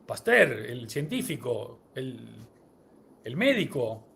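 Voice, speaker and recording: A man's voice: mid-range voice, sing-song, takes it slowly, gravelly, a bit bright. A man co-hosting a live-streamed podcast, greeting viewers and running a word-association game. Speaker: podcast co-host.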